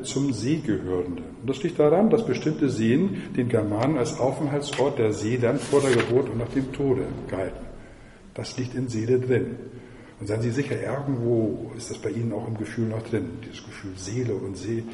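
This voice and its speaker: A man giving a university mathematics lecture, digressive and firing rhetorical questions at the audience. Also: medium pitch. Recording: echoey lecture hall, faint noise.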